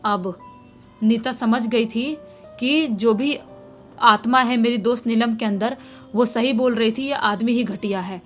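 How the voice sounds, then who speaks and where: A woman casually retelling a subscriber's horror story in a lively way, acting out the shouted quotes. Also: fairly high pitch, a little slow. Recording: faint music underneath.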